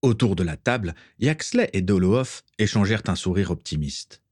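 A man narrating a storybook aloud, his reading expressive and full of movement. His voice sits low, and the pitch rises and falls a great deal. It is recorded close and dry. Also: normal speed, breathy edge, no room sound. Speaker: audiobook reader.

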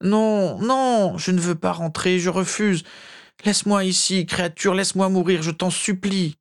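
A man's voice: lowish voice, moderate pace, no room sound, studio quality, lightly acted. A man voicing a young wizard in agony, despairing, sobbing and pleading in a strained voice. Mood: anguished. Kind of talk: amateur audiobook character voice.

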